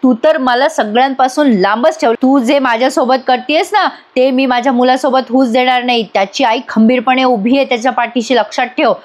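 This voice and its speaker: A woman's voice: high-pitched, fairly quick, few pauses, lightly acted. A woman voicing a bitter, scheming woman who speaks in sarcastic accusations.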